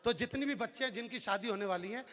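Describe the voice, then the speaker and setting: High-voiced comic poet on a live stage. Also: male voice, fast. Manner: lively storyteller acting out many characters, shouting punchlines. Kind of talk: stage comedy storytelling. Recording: long hall reverb from a live stage PA.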